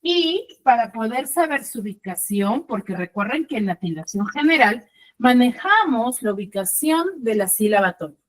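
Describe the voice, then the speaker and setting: A woman's voice: a little high, very animated, normal speed. A woman teacher giving an online class over a video call, often checking in with short questions to her pupils.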